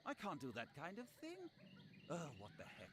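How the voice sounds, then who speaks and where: A man's voice: on the high side, wildly swooping pitch, moderate pace, background noise. A man playing a vain, righteous paladin in a fantasy spoof video game, declaiming theatrically. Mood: grudging. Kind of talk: video game character acting. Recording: game music behind the voice.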